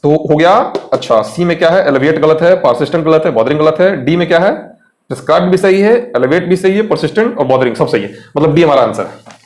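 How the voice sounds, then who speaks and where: A man's voice: on the high side, expressive, fast talker, a little mellow, echoey room. Chatty Indian male English teacher. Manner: chatty, asks students questions, Hindi mixed with English. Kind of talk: exam lesson explaining vocabulary.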